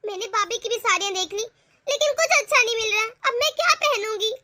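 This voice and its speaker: A woman voicing a spoiled, eager young college girl in an animated family cartoon, wheedling to get her way. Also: very high voice, quick pace, heavily acted.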